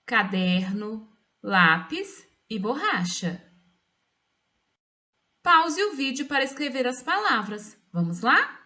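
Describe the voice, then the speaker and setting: Woman, high bright voice, teaching phonics; slow, careful spelling. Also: big pitch swings. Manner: clearly spells out words syllable by syllable. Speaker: literacy teacher. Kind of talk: slow phonics dictation lesson.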